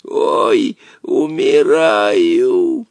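A man voicing a brave young boy who talks in excited, breathless exclamations. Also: fairly high pitch, very slow, vocal fry, dry recording, clean studio sound, full character voice. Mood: aging.

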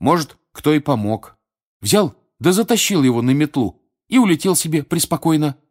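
A man voicing an excitable teenage schoolboy wizard in an audiobook, blunt and agitated, pitched well above his own voice. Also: moderate pace. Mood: hopeful. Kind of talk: audiobook character voice.

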